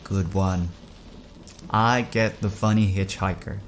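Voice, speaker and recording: In an audio drama, an actor plays a weary, affable man driving at night, moving between narration and dialogue. His low voice is slow, with fairly even intonation, and he sounds conversational, hesitant, wry and friendly. A little hiss or hum sits under the recording.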